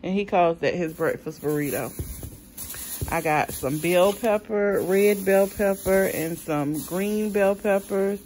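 Showing her grocery haul, this woman from South Carolina talks to her viewers at an easy pace, saying y'all and um often. The voice is mid-range and darkish, with a bit of noise in the background.

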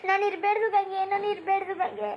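Woman doing a crying elder sister-in-law, cartoon village wife, very high voice, sobbing lament. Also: normal speed, muffled recording, slight background noise. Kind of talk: cartoon voice acting.

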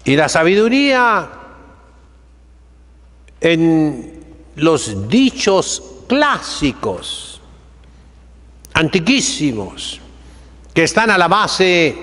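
Older priest preaching slowly in a reverberant chapel. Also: male voice, on the high side, a bit bright. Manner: slow, emphatic preaching with sweeping rises and drops. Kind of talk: sermon. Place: chapel sanctuary, seated by the altar.

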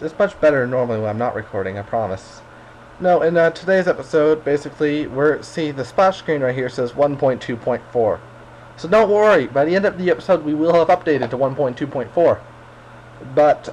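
A man's voice: fairly high pitch, a little mellow, slight background noise, rough recording. A man hosting a casual game commentary, chatty and rambling with a self-mocking streak, a little tired late at night. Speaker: gaming video host.

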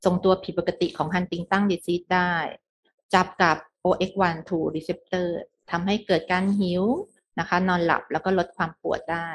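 A woman's voice: on the low side, level tone, measured pace. A middle-aged woman giving a medical lecture, explaining step by step with English terms and frequent polite particles.

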